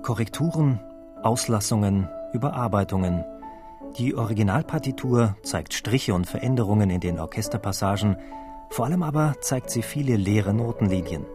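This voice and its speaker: A man with a fairly low voice narrates a documentary script at a measured, even pace. Soft classical music plays quietly underneath him, and his delivery stays steady and composed throughout. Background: faint classical music.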